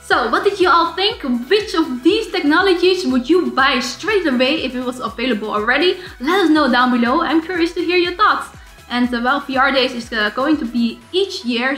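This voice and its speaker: A woman's voice: sits high, a bit bright, reverberant. A woman hosting a vlog, chatting casually to camera with fillers and restarts. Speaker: vlog host.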